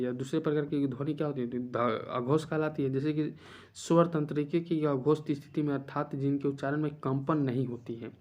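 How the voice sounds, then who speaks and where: A man's voice: mid-range voice, mellow, muffled recording. A man teaching an online grammar lesson for exam preparation. He repeats each point and asks rhetorical questions to drill it in.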